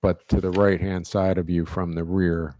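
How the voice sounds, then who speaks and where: A man's voice: low voice, level tone, normal speed, mellow, no echo. A man explaining details at a public review board meeting, hesitant and full of fillers. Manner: hesitant, many fillers and restarts. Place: municipal meeting room.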